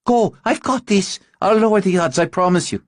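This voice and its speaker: A man voicing a brave young female archer in an audiobook, urgent and shouting. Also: high-pitched, normal speed, no echo, clean studio sound, pitched above the performer's own voice, natural voice.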